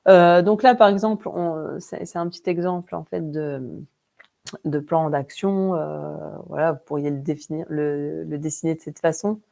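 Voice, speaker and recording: A woman's voice: low voice, fairly even intonation, normal speed, gravelly, dark tone. A woman with a Vosges accent presenting an online training webinar, talking informally with many fillers and restarts. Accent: Vosges French. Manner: informal, chatty asides.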